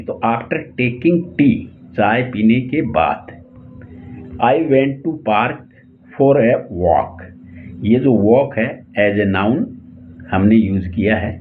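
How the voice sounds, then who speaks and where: A man with an Indian accent teaches English tenses, stretching out each example sentence word by word at a very slow pace. His voice comes through a thin, phone-like channel. A faint hiss runs under the recording. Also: mid-range voice. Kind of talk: explaining English tenses in Hindi.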